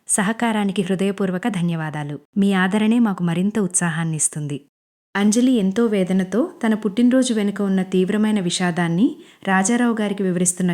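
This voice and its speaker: Brief: female narrator, scripted serial recap, earnest and even, mellow tone. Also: medium pitch.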